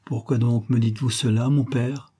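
A man's voice: medium pitch, steady tone, normal speed, breathy edge, close to an everyday voice. A man doing a timid pious young girl. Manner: soft and timid.

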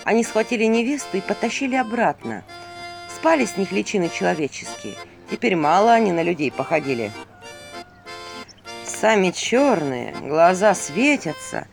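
A woman narrating a dark folk tale in an expressive storytelling voice. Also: medium pitch, moderate pace, vocal fry, music in the background. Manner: expressive, hushed then rising.

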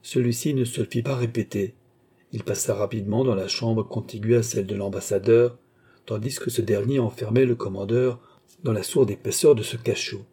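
A man reads a classic novel aloud as an audiobook narrator, measured and steady. His voice is mellow and dark, with a husky grain. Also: on the low side.

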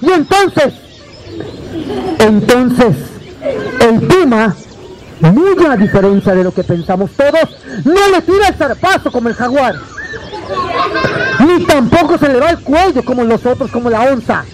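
A man with a Mexican accent telling a folk tale to a live audience, with dramatic drawn-out repetitions and joking asides. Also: very high voice, big pitch swings, crowd noise, poor audio. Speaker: storyteller. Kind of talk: live oral storytelling.

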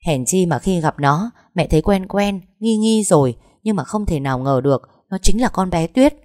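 Woman doing a worried older mother, low voice, dark tone, anxious questions, storybook. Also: expressive, normal speed, no echo, studio quality, natural voice.

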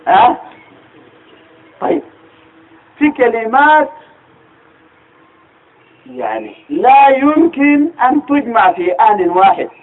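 A man's voice: very high voice, big pitch swings, slow, long pauses. A man with a Sudanese Arabic accent teaching a religious lesson, explaining step by step and asking rhetorical questions of his listeners. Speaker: teacher of Quranic studies. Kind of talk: religious lecture. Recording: tinny phone-like recording.

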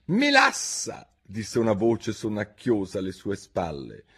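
A man reading a children's classic aloud as a theatrical, animated audiobook narrator. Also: low-pitched, moderate pace, breathy edge. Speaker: audiobook reader. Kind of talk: scripted storybook narration.

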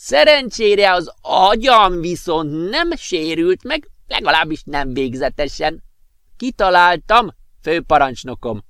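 A man doing a high croaky tipsy old professor. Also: sing-song, a bit bright, no echo, clean studio sound, exaggerated voice. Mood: tipsy, jolly. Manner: slow, drawn-out, giggly.

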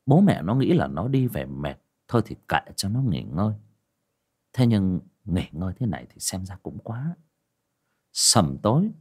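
A man tells a horror story with dramatic expression. His voice is low and husky, and it rises and falls freely. He narrates at an even pace.

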